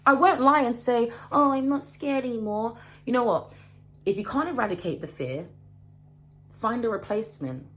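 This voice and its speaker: A vlogger in her late twenties delivers a casual motivational talk to camera. She is animated and emphatic, with a fairly high pitch and moderate pace, and she often repeats and restarts her phrases.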